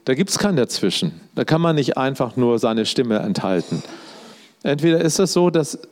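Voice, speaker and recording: A man's voice: medium pitch, very animated, moderate pace, a little mellow. A middle-aged man preaching a sermon, telling a personal story in a conversational way and speaking directly to his listeners.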